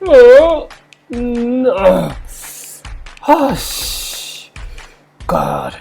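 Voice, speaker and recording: Slow, gravelly woman groaning over food. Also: fairly low pitch, big pitch swings, soft background music. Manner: loud exaggerated groans, gasps and cries. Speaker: reaction video host. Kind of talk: comic food reaction commentary.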